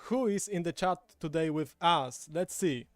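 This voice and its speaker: At a table indoors with a streaming setup, a Polish livestream host chats casually, speaking his native Polish with a Polish accent while background music plays. His pitch is fairly high, his pace moderate, and there's no room sound.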